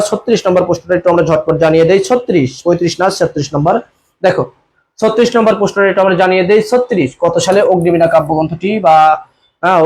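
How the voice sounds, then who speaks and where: Quick high-voiced male tutor. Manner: repetitive, coaxing, repeats questions and urges comments. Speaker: admission coaching teacher. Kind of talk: live online exam-prep class.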